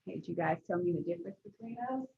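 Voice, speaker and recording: A woman's voice: lowish voice, lively intonation, rapid-fire, gravelly, slight background noise. A woman teaching an online science class over a video call, her voice muffled as if through a wall while she coaxes students for answers. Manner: questioning, coaxing students for answers. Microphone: laptop on a video call.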